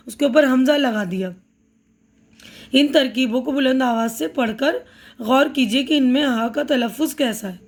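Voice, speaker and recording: A woman teacher with an Indian Urdu accent explaining a textbook chapter, patiently repeating words for her pupils and slipping in English terms. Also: high voice.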